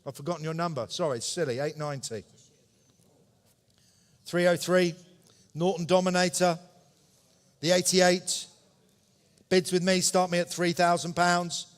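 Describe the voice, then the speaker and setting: Running bid commentary at a live auction comes from a man whose voice is a touch higher than average, with fairly even intonation. He rattles off repeated numbers in clipped phrases and slips in courteous remarks to bidders, all echoing with a large hall's long reverb.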